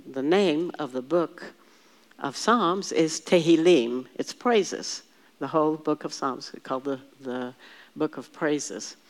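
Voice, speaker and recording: A low-voiced woman teaches a Bible study group, working through words one at a time and having the class repeat them. Thinking aloud, she frequently begins her sentences again.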